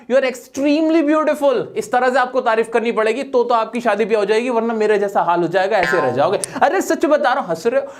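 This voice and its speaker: During his grammar lesson, this man keeps raising questions only to answer them on his own, drawing out example sentences at a slow pace and joking playfully with the students. His voice is very high-pitched.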